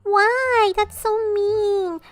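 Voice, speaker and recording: A woman voicing a pushy little girl who pleads in a drawn-out whine. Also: extremely high pitch, fairly even intonation, pitched above the performer's own voice, heavily acted. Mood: whiny. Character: whiny little girl, pushy younger sister.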